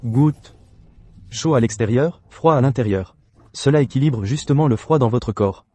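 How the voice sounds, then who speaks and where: A man's voice: medium pitch, normal speed, warm tone, dry recording, natural voice. A man voicing a bold, cheeky young imperial cook in a dubbed drama, teasing and cocky. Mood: self-assured. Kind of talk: dramatized dubbing with inner monologue.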